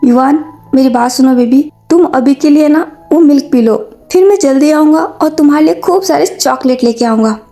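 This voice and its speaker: Woman voicing a gentle, calm young father. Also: high-pitched, normal speed, soft background music. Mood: calm soothing. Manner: calm, soothing, gently teasing. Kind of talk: fanfiction storytelling.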